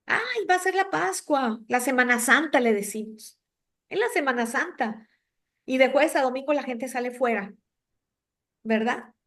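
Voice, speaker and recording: High-voiced woman teaching a devotional. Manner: conversational, asks the listeners questions. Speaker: devotional teacher for a women's group. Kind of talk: women's devotional talk.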